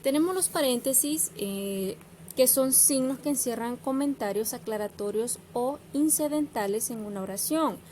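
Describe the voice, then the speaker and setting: A woman's voice: fairly high pitch, a little mellow, slight background noise. A woman teacher, patiently explaining punctuation to students.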